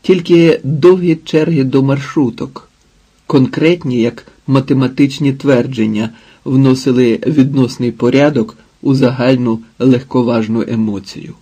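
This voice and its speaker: A man narrating an audiobook in a calm, measured way. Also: medium pitch, breathy edge. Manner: calm, measured, unhurried reading. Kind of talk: scripted narration.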